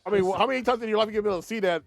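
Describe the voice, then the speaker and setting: A man's voice: high-pitched, very fast, gravelly, dry recording. A man co-hosting a podcast, slangy and playful, acting out little scenes in casual chat. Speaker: podcast co-host.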